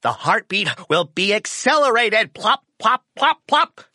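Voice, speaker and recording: A barking, food-loving cartoon puppy. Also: female voice, a little high, sing-song, unhurried, sharp tone, no room sound, studio quality, exaggerated voice. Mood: explaining. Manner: barking, whiny and pleading. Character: excitable young male puppy, food-loving. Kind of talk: children's cartoon voice acting.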